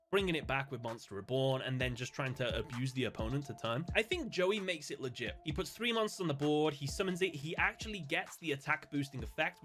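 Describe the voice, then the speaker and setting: A man speculating about a fan story in a playful, animated way, full of quick asides. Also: fairly high pitch. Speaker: video creator.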